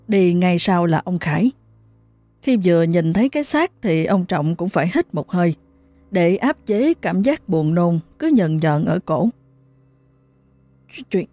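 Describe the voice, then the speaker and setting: Brief: woman storyteller, steady horror narration, warm dark tone. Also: lowish voice, dry recording.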